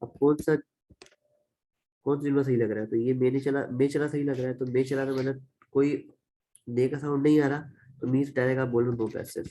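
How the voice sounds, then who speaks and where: Male grammar teacher with a Pakistani accent, even-pitched and warm-toned, patient step-by-step explainer. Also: brisk, long pauses, low-quality recording. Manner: explains step by step, repeats examples. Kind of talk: classroom-style grammar lecture.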